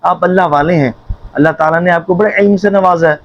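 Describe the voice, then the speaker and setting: A man voicing an eager, boastful young male devotee pleading with his teacher, heard on a dull, lo-fi recording. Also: high-pitched.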